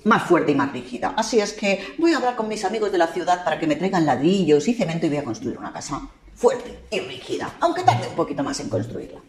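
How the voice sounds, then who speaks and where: A woman voicing the sensible eldest pig in a lower, calm, deliberate voice. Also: a little hiss or hum. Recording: echoey room.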